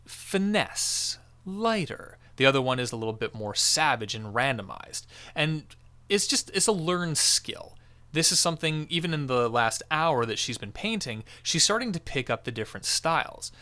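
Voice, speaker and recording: A man's voice: medium pitch, sharp tone. A man hosting a crafting tutorial, narrating the build in an encouraging, jokey way.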